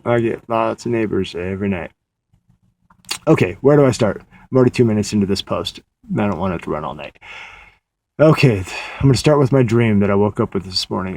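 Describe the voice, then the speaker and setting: A man's voice: fairly low pitch, a little mellow, dry recording. A man recounting a dream in a casual, meandering way, often restarting his sentences, sitting in a parked car at night. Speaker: audio diarist.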